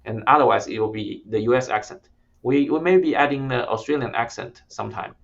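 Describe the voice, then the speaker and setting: In an interview, a startup founder who is not a native English speaker explains his product plainly, with hesitant restarts. His medium-pitched voice is brisk, creaky, and a bit bright, and the high frequencies are cut off.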